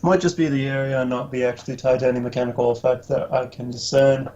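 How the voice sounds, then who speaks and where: A man's voice: mid-range voice, fairly even intonation, fast talker, dark tone. A man at a tabletop game session, talking through the rules aloud in casual chat and swearing freely. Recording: slightly muffled lo-fi mic.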